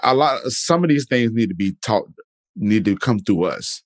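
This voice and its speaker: Clean studio audio with no echo captures a man's lowish voice, lively in intonation and at a normal pace. He's a podcast host running a casual interview, keeping things loose and conversational and often saying "you know what I'm saying."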